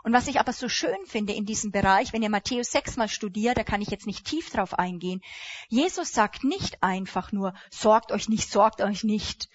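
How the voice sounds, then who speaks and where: Animated woman preacher, dull lo-fi sound. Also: mid-range voice, brisk. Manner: animated, emphatic, acts out quoted speech. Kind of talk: sermon.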